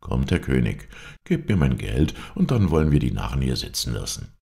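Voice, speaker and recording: A man's voice: extremely low pitch, very animated, moderate pace, gravelly, full character voice. A man voicing a sly, cranky philosopher who scolds the foolish townsfolk. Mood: scornful. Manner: scornful, sharp-tongued.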